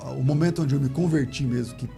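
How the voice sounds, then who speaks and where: A man, a pastor, telling his conversion story in casual chat, animated and laughing as he acts out the voices of others. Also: mid-range voice, fast talker, gravelly, soft background music.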